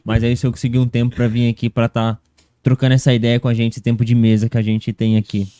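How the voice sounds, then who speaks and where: A man's voice: mid-range voice, monotone, quick pace, warm tone, clean tone, no room sound. A man from Paraná co-hosting a church podcast, eager and talkative. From Paraná, Brazil. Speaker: podcast co-host. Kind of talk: casual church podcast chat. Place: podcast studio.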